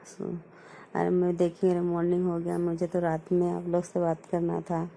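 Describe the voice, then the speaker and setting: A young woman chats to her vlog viewers in a hushed, gravelly voice with a very dark, mellow tone. She talks quietly at home, often calling her audience friends, with a faint hiss behind her. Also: lowish voice, completely flat delivery, moderate pace, rough recording. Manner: chatty, keeps addressing viewers as friends; speaking softly while others sleep. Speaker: vlogger. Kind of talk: casual vlog chat.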